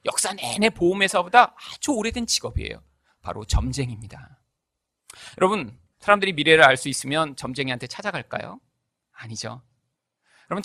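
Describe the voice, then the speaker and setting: High, lively-voiced man preaching. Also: no echo. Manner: asks the congregation rhetorical questions; tells stories with acted-out voices. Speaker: pastor. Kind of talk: sermon.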